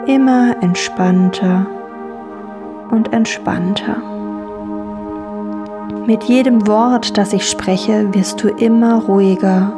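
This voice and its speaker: Slow, soothing woman guiding a dream journey. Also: medium pitch. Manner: slow, calm, soothing and repetitive. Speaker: guided relaxation guide for children. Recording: soft music bed. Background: soft music.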